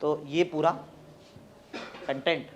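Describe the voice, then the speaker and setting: A man teaching chemistry in a classroom, dictating notes slowly and spelling words out letter by letter. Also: fairly high pitch, fairly even intonation, highs cut off, a little hiss or hum. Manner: mixes Hindi and English, urging students to hurry.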